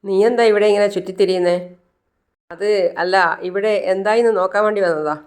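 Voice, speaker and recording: A woman's voice: medium pitch, fairly even intonation, a little fast, a little mellow, lightly acted. A woman voicing a stern, bossy middle-aged mother who scolds in her own voice. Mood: scolding.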